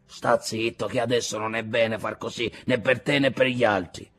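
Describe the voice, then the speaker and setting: A man voicing a young fisherman straining at the oars in a storm, out of breath and shouting desperately. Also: medium pitch, fairly even intonation, normal speed, soft background music, lightly acted. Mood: stern hush.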